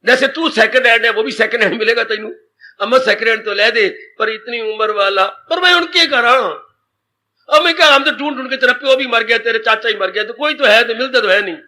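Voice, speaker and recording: A woman's voice: a little high, fairly quick, pushed and bright. A man voicing an older mother who scolds her widowed daughter in an exasperated tone.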